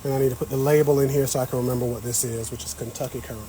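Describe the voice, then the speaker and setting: A man talks rapid-fire at medium pitch, keeping his intonation fairly even over a noisy background. He's hosting a laid-back gardening stream, working the soil on a patio and chatting with viewers.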